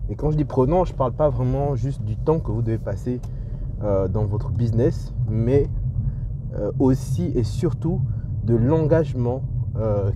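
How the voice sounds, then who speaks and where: A man talking casually to viewers as an entrepreneurship vlogger, his voice slightly muffled through a face mask, with hesitant delivery. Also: fairly low pitch. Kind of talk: casual vlog talk to viewers. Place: on the move, leaving a garage. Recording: muffled lo-fi audio, clear vehicle and ambient noise.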